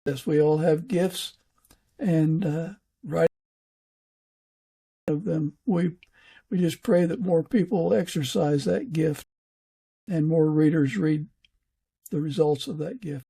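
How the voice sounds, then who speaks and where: A man hosts an interview podcast, speaking earnestly and without hurry. His voice is husky and gravelly, a little high, with a warm tone.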